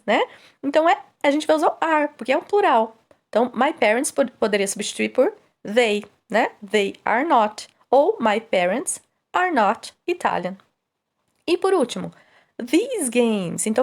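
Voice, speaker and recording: A woman teaching English grammar, asking questions and answering them herself. She reads the English examples slowly and explains at a quicker pace. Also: fairly high pitch. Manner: asks and answers her own questions.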